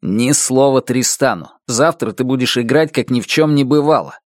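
A man's voice: medium pitch, normal speed, dry recording, clean studio sound, close to an everyday voice. A man doing a stern, commanding violinist. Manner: curt, commanding. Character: stern young male violinist, harsh and commanding. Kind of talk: audiobook reading.

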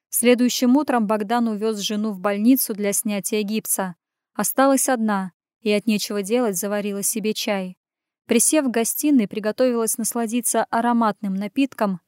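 Woman reading a story in first person, even pace, crisp voice, dry recording. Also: medium pitch, no echo. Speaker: audiobook narrator. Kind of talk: first-person scripted narration.

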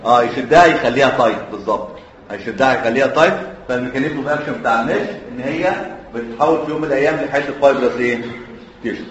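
A man's voice: medium pitch, racing, slight background noise. A man with an Egyptian Arabic accent giving a surgery lecture, quizzing the students and letting them finish his sentences. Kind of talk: classroom lecture. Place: lecture hall. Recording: echoey lecture hall, dull lo-fi audio.

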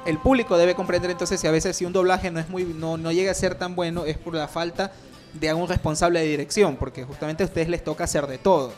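A man's voice: on the high side, steady tone, fast, a little mellow, faint music behind. A man hosting an online radio show who has a cold, agreeably summing up what his guest says. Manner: agreeable, affirming and summarizing. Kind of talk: casual online radio interview.

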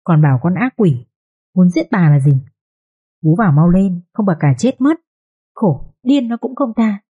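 A woman voicing a quick-tongued young maidservant who speaks fast and bluntly. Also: lowish voice, expressive, breathy edge, phone-quality sound. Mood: alarmed.

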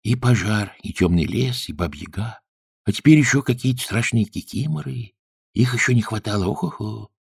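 A man's voice: on the low side, expressive, moderate pace, gravelly, slightly rough, no echo, clean studio sound, exaggerated voice. A man reading a storybook and voicing a timid, self-pitying little male house sprite who grumbles and whines. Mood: grumbling. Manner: grumbling, whiny.

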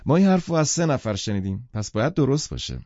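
A man's voice: medium pitch, big pitch swings, darkish tone, no echo, lo-fi sound, voice pushed up. A man narrating an audiobook who voices a playful, insistent young woman, a wealthy socialite.

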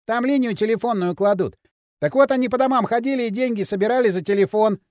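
A man doing an excitable chattering lad. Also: sits high, quick pace, no echo, studio quality, pitched above the performer's own voice, close to an everyday voice. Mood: animated. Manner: lively storytelling.

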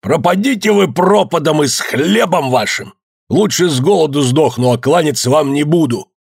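A man voicing a proud, blunt older beekeeper who shouts back defiantly in a husky, raised voice. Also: mid-range voice, expressive, a little slow.

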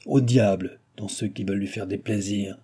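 A man's voice: lowish voice, fairly even intonation, normal speed, dark tone, husky. A man reading an audiobook, voicing an aging king who is furious and sorry for himself, grumbling and exclaiming bitterly. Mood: brooding.

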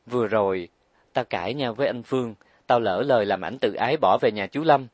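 A man's voice: mid-range voice, fairly quick, no echo, dull audio, close to an everyday voice. A man reading an audiobook, voicing a proud, stubborn young wife who complains and talks back. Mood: complaining. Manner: defiant, complaining.

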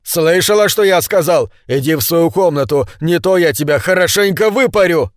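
Loud coarse bully of a husband voiced by a man, yelling, pitched up. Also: moderate pace, dry recording, clean studio sound, natural voice. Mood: threatening. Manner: shouting, threatening. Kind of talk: audiobook character voice.

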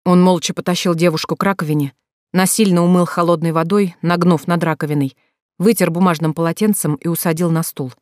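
An audiobook narrator giving measured, scripted narration. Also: mid-range voice, steady tone, no room sound, clean studio sound.

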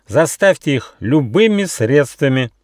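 A man voicing a wicked female fairy queen who turns into a crone, shrill and imperious. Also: fairly even intonation, takes it slowly, a little mellow, smooth, no echo, studio quality. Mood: furious.

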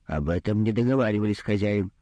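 A man's voice: on the low side, quick pace, mellow, dry recording, natural voice. A man voicing a rude, greedy male doctor who talks in a brusque, condescending, grumbling way in a humorous storybook reading. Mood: gruff.

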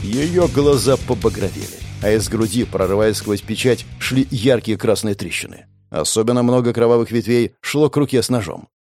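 A man's voice: lowish voice, moderate pace, few pauses, a little mellow, soft background music. A man reading a first-person audiobook in a tense, gritty storytelling manner. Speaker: audiobook narrator.

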